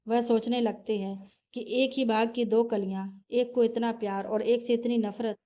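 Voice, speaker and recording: A woman narrating a family story in a calm, steady reading voice. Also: fairly high pitch. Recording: dull lo-fi recording.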